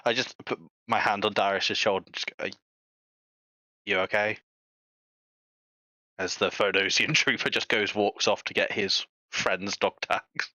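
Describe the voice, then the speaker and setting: A man at a tabletop game session, chiming in with quick agreements and joking asides. His voice is bright and forward, sitting a touch low. The sound is dry and close. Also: steady tone, no room sound, rough recording. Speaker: player. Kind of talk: casual tabletop play.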